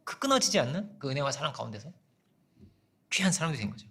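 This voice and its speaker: A male pastor giving a sermon in an animated, conversational way, often asking the congregation questions. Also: mid-range voice, fast talker, husky.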